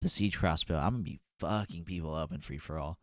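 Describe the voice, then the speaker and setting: A man's voice: rumbling low, fast talker, no room sound, clean studio sound. A male podcast host in casual chat, joking and telling stories with casual swearing.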